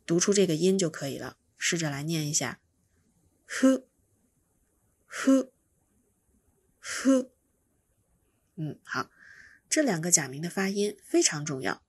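A woman's voice: medium pitch, husky, no room sound. A woman teaching pronunciation, patiently explaining each sound and demonstrating it by repeating it. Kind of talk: slow instructional explanation.

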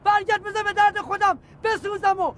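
An actor playing a despairing, melodramatic TV producer in debt who threatens to jump from a city rooftop. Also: male voice, very high voice, level tone, fairly bright tone, slight background noise. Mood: wary. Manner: melodramatic, pleading then bitter. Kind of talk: TV series acting.

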